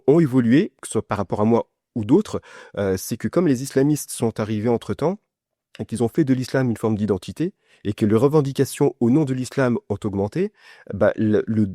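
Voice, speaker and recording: A French essayist and journalist speaks as a podcast guest, answering in a personal, conversational way and frequently restarting or repeating words. His mid-range voice is mellow, and the studio-quality recording has no echo.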